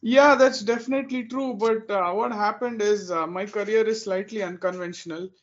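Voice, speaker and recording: A man's voice: high-pitched, steady tone, normal speed, highs cut off. A man in his thirties from India with an Indian accent, a guest answering interview questions, hesitant with many fillers.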